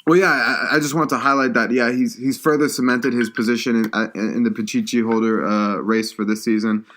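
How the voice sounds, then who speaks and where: A man's voice: medium pitch, fairly even intonation, fairly quick, a bit bright. A young man co-hosting a podcast, chatting casually about sports and often repeating words as he restarts his sentences. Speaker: podcast co-host.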